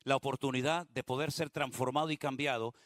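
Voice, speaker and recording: A man preaching a sermon as pastor, moving between hushed prayer-like passages and rising, emphatic exhortation. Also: medium pitch, steady tone, brisk, dry recording.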